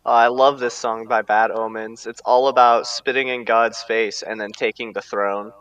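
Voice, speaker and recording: A man's voice: fairly low pitch, level tone, moderate pace, a bit bright, smooth, dry recording, muffled recording. A man playing in a tabletop game, chatting in an easygoing way over a voice call. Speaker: player. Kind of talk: casual chat during a tabletop game.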